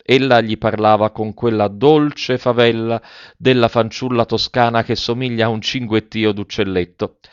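A man narrating a classic novel in a measured, literary way. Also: medium pitch, steady tone, smooth, dry recording. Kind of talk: audiobook reading of a 19th-century novel. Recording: dry, dull lo-fi recording.

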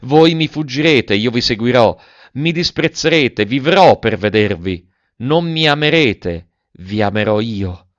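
A man's voice: mid-range voice, animated, a little slow, few pauses, clean tone, dry recording, lightly acted. Man doing a desperate young nobleman. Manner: impassioned, rising to cries. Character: young nobleman, desperate, obsessive, feverish lover. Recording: dull dry lo-fi recording.

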